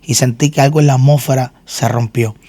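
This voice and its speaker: A man's voice: mid-range voice, steady tone, fairly quick, warm tone, dry recording. A man, a minister, telling his own story in a faith interview, earnest and often repeating words as he restarts. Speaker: guest minister and singer.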